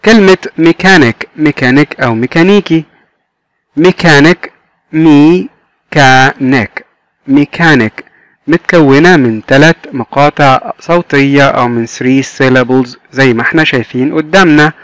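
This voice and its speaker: A man with an Egyptian Arabic accent teaching an English lesson to young children, drawing out each English word slowly and clearly. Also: fairly high pitch, a bit bright, no echo. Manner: slow, drawn-out English words.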